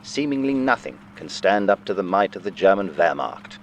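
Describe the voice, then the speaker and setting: A man's voice: low voice, big pitch swings, moderate pace, slight background noise. A man reading scripted wartime newsreel narration in a dramatic, declarative way. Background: music under the narration.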